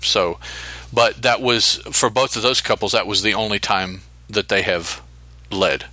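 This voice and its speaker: A man co-hosting a podcast in casual chat, often stopping to restart his sentences. His voice is fairly low with a very bright, sharp edge, recorded dry and close. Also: fairly even intonation, no room sound. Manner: halting, with restarts and counting aloud. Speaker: podcast co-host.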